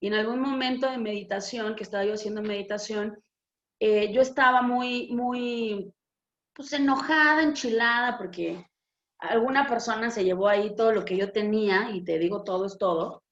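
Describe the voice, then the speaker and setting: A woman's voice: medium pitch, normal speed, a bit bright. A Mexican woman hosting a spiritual channel, talking frankly and expressively in a casual way, with some swearing. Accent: Mexican Spanish. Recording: echoey room, dull lo-fi sound.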